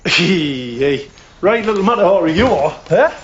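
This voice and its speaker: A cocky schemer. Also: male voice, high-pitched, lively intonation, unhurried, lo-fi sound, slight background noise. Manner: cocky, blustering. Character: brash scheming working-class builder.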